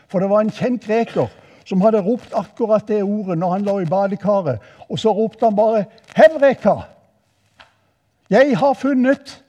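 Eldre sørlandsk mann som preker livlig. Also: male voice, sits high, muffled recording. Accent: southern Norwegian. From southern Norway. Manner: lively storytelling, voice rising for quoted exclamations. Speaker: preacher. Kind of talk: sermon. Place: mission hall.

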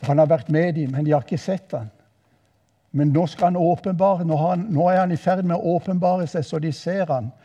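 An older man with a southern Norwegian accent preaches with lively storytelling in a mission hall. His voice sits high but sounds dark and mellow. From southern Norway. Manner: lively storytelling, voice rising for quoted exclamations. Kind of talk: sermon.

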